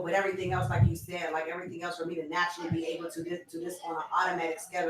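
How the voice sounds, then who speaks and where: A man's voice: on the high side, far from the mic. A man in casual religious discussion, chatting loosely with lots of filler words and sharing a personal testimony. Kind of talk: casual chat. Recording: roomy, off-mic, faint noise.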